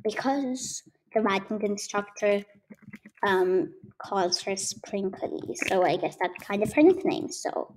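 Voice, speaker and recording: A woman's voice: mid-range voice, slow pace, darkish tone, a little hiss or hum, low-quality recording. A woman chatting casually while playing a game, rambling with many fillers and teasing her viewers. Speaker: gaming YouTuber. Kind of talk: casual gameplay commentary.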